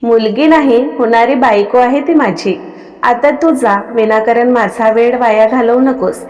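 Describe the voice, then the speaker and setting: Arrogant rich young man, read by a woman: curt and cold, voice rather high, reverberant. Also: a little slow, a little mellow, lightly acted. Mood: smug. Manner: cold and curt, orders people around. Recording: long reverb on the voice.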